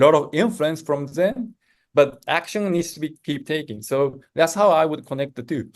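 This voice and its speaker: A middle-aged man from Japan, whose first language is Japanese, answering interview questions as a consultant, thoughtful, hesitating often as he works through examples. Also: fairly high pitch. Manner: thoughtful, builds answers from stories, frequent hesitations. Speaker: lean management consultant, guest. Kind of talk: podcast interview.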